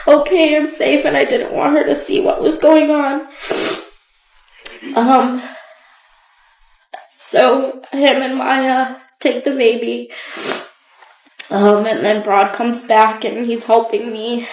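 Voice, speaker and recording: Woman witness, shaky nervous testimony, slow and halting, tearful, echoey courtroom. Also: sits high. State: emotional, close to tears.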